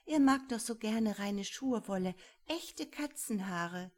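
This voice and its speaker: A woman voicing a dreamy, starry-eyed female kitchen goblin who gushes in a high voice. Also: animated, slow pace, a little mellow. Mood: gushing.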